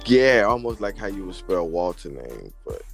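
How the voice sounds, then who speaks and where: A man's voice: sits low, sing-song, normal speed, vocal fry, soft background music. A man with a New Orleans accent, chatting as a guest in a laid-back, easygoing way and often repeating himself. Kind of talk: casual chat.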